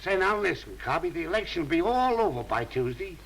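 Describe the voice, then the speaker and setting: An actor playing a blunt, cynical, slangy political boss in a 1930s comedy film. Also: male voice, a little high, sing-song, fast talker, a bit bright, rough recording. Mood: pushy. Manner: blunt, bossy, wisecracking. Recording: hissy 1930s film soundtrack.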